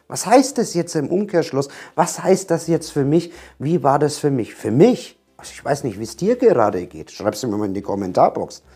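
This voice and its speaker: A man's voice: mid-range voice, dark tone, slightly rough. A man giving a direct-to-camera coaching talk on anxiety, emphatic, repeating key words and firing rhetorical questions at the viewer.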